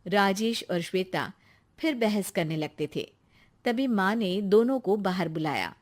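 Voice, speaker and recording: A woman giving scripted narration for an animated bedtime story, in an even, plain storytelling manner. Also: medium pitch, measured pace.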